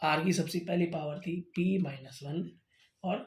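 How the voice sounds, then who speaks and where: A man's voice: a little high, measured pace. Patient male maths tutor in an echoey room. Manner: patient, keeps checking understanding, calls the student "beta". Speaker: maths teacher. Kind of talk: tutoring a student at a whiteboard. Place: teaching at home.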